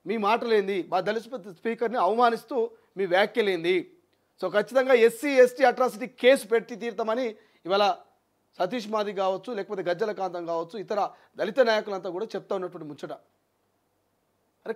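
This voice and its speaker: Brief: male news commentator, striking high pitch, indignant and scolding in his delivery. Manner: indignant, rhetorical, scolding questions. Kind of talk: heated political commentary.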